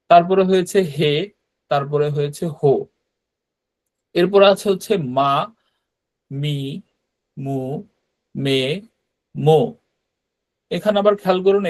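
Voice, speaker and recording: Higher-voiced man teaching an online class. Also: darkish tone. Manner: explains step by step with many hesitations. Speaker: language teacher.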